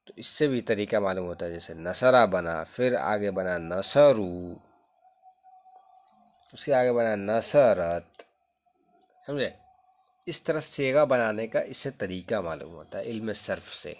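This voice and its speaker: Male grammar teacher, low voice, patient and repetitive, walks students through terms with rhetorical checks. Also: expressive, long pauses. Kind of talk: classroom-style lesson.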